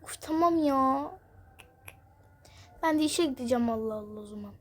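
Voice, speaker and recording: An irritable father who grumbles and huffs about spending, as a woman puts him on. The voice stays high and quick, in a game role-play. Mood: huffy. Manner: grumbling, huffy.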